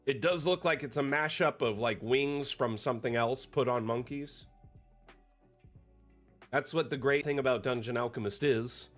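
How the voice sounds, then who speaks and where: A man in a mid-range voice hosts a livestream in casual, rambling talk. He strings thoughts together with plenty of fillers, and his sentence ends often sink quietly away. Faint music plays behind him. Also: medium pitch. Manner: rambling, chatty, many fillers. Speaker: community manager hosting a livestream.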